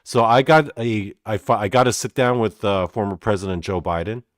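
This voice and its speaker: A young man from Canada hosting a comedy interview show, talking in a halting, awkward way full of fillers. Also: lowish voice, no echo, studio quality. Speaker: host.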